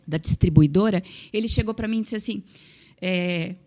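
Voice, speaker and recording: A woman with a Brazilian Portuguese accent, a podcast guest and TV producer, telling a story in a lively, chatty way with frequent tag questions. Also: fairly low pitch, normal speed. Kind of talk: casual interview storytelling.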